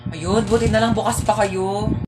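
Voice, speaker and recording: A woman performing comic skits, playful and swinging between soft asides and loud outbursts. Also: medium pitch, fairly even intonation, moderate pace, background noise. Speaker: comedy skit creator. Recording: music playing behind. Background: music.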